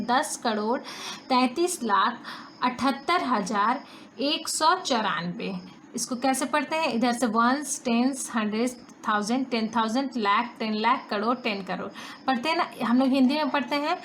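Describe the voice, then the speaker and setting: A woman's voice: fairly high pitch, a bit bright. A young woman from India teaching a math lesson, patiently counting through place values and answering her own questions. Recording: faint background noise.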